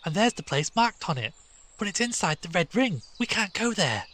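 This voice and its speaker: Earnest, careful schoolboy scout read by a male narrator, higher voice. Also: big pitch swings, moderate pace, a bit bright, heavily acted. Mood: cautious. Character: resourceful, timid schoolboy scout.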